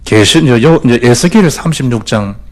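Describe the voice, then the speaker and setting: Animated Gyeongsang pastor preaching. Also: male voice, mid-range voice, normal speed. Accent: Gyeongsang Korean. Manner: animated, swings between loud exhortation and hushed asides. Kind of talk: sermon. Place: church.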